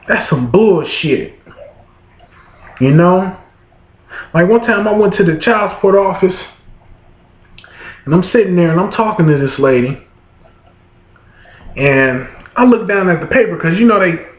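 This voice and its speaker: A high-voiced vlogger rambles through a rant full of swearing, repeatedly asking "you know what I'm saying." The audio is muffled lo-fi webcam sound, roomy and dull.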